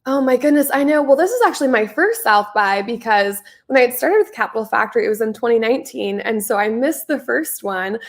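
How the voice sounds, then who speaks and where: Over a video call, a young woman venture principal hosts a live online Q&A, friendly and upbeat, using lots of ums and a bit congested from a head cold. She speaks briskly with a high-leaning, expressive voice and hardly pauses.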